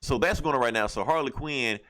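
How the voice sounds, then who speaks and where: A podcast co-host with a medium-pitched, sharp-toned voice speaks briskly while casually recapping a comic book, with rambling, irreverent, slangy banter and lots of profanity.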